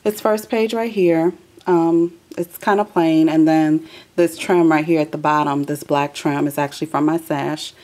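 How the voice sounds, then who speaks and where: Low raspy-ish woman talking thru her craft project, mellow and kinda um-y. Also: fairly even intonation, unhurried. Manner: chatty, loose, many ums and asides. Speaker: craft video host. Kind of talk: casual craft walkthrough.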